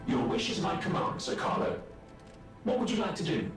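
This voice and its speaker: A courteous mechanical male butler from a video game, answering in formal, deferential stock phrases. His voice sits fairly high and swings lively up and down. Soft music runs behind him. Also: normal speed. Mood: polite. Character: polite servile male butler robot. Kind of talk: video game character dialogue.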